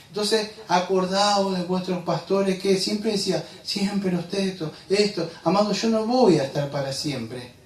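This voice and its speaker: Male pastor, preaching with rhetorical questions, slightly high voice, echoey church hall, mic at a distance. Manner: preaching with rhetorical questions, addressing listeners as "amado". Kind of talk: sermon. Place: church sanctuary.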